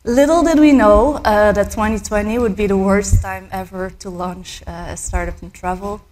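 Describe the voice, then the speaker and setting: A woman in her thirties from Belgium presents her startup to a live audience, pausing often on filler words. She has a cold, and her pitch sits in the middle of the range. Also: fairly even intonation, a little mellow. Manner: hesitant, many fillers. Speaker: startup co-founder giving a talk. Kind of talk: conference presentation.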